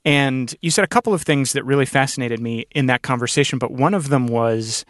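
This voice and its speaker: A man hosts a podcast interview, speaking in a thoughtful, conversational way with wordy, deliberate, articulate phrasing. His pitch is medium, and the clean studio recording carries no room sound.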